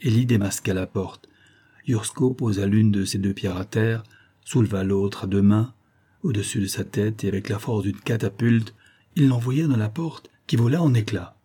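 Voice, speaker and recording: Husky, dark-voiced male audiobook narrator. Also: fairly low pitch. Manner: steady, measured storytelling delivery. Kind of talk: scripted narration of a classic novel.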